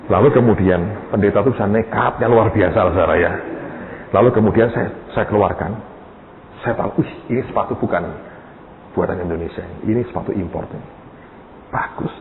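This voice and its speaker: A man's voice: lowish voice, a little hiss or hum. A man preaching a sermon, telling a story and acting out the voices of the people in it. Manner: lively storyteller acting out dialogue, addressing the congregation. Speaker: pastor. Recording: echoey hall, tinny phone-like sound.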